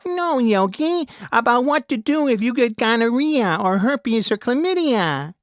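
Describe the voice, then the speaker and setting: A woman's voice: on the high side, sing-song, a little slow, dry recording, studio quality. A woman voicing a small, polite male cartoon bear cub, earnest and innocently matter-of-fact.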